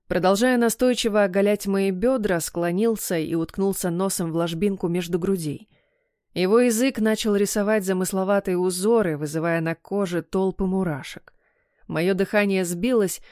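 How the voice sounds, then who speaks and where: A woman narrates a first-person romance in a steady, intimate storytelling voice at a middle pitch. The recording is dry and close, with no room sound. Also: dry recording. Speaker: audiobook narrator.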